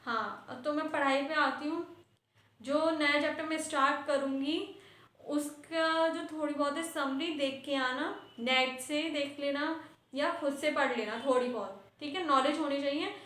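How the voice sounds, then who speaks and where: A woman with a high voice plays a strict schoolteacher in a comic sketch. She lectures and scolds her class, and the sound rings in an echoey room. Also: steady tone, unhurried, a bit bright. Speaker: sketch performer playing a teacher. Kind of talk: scripted comedy sketch.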